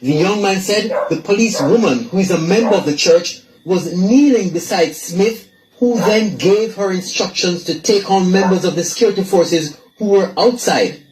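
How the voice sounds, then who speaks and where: A reporter reading a scripted news narration in a measured, formal way. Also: mid-range voice, echoey room, a crowd in the background, low-quality recording.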